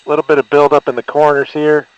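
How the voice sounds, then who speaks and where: A man working as a commercial diver gives halting, terse inspection reports from inside a diving helmet over radio comms. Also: fairly high pitch, completely flat delivery, clear, resonant tone, lo-fi sound. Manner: procedural, halting delivery with clipped confirmations. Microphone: diving helmet microphone.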